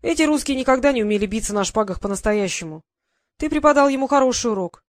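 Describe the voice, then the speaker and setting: A woman voicing a cheerful, boastful young male swordsman in a storybook reading, with a lively, courtly manner. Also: a little high, fast, no room sound, clean studio sound, voice pushed up, natural voice. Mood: cocky.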